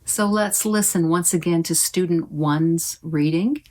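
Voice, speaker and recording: Low-voiced woman teaching pronunciation, slow and patient, stretches out the vowels. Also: a little mellow. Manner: patient, repeats and drags out vowel sounds. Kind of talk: slow explanatory lesson.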